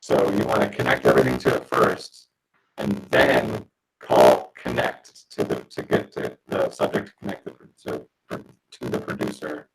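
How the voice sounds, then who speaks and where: A man explaining technical concepts in a halting, casual way over a video call, his mic audio noisy and robotic-sounding. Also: extremely low pitch, lively intonation, creaky, distant mic. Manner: halting, restarts mid-sentence. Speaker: instructor.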